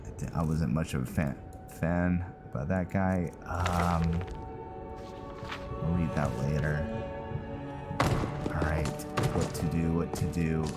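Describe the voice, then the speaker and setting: With a bass voice and fairly flat intonation, a man narrates a roleplay game slowly, leaving long pauses. He rambles casually in hesitant fragments while loud game music and sounds fill the background.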